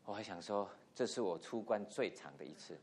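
A middle-aged man, a pastor, telling a lively story in a sermon and acting out the dialogue, with English words mixed into his speech. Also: on the low side, fairly quick, slight background noise. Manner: animated anecdote with acted-out quotes, code-switching English words.

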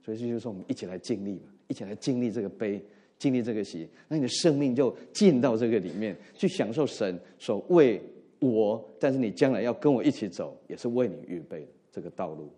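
Earnest man preaching, mellow voice. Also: lowish voice, lively intonation, a little fast. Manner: earnest, swings between emphatic rises and soft drops, mixes in English words. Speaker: pastor. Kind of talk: sermon.

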